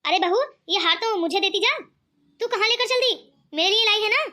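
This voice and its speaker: A woman's voice: very high voice, a little fast. A woman voicing a greedy, scolding older mother-in-law in a cartoon. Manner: scolding, sharp-tongued. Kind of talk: cartoon voice acting.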